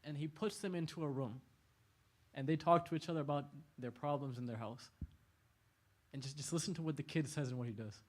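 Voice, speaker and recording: Speaking casually and with animation, a man lectures young people at an Islamic center, laughing often in a large indoor hall. His voice sits fairly high and moves a little fast.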